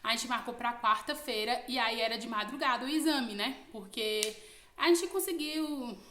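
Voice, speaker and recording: A young Brazilian woman with a Brazilian Portuguese accent telling a personal testimony casually, animated and full of fillers. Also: a little high, moderate pace, reverberant, slight background noise. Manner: animated retelling, quoting others, frequent fillers like "né". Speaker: YouTube channel host.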